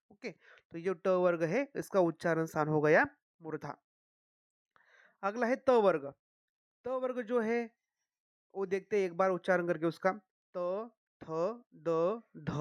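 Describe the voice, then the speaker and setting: A teacher giving a patient spoken lesson, saying each sound slowly and often checking in with the listener. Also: medium pitch, no room sound. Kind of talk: explanatory lesson.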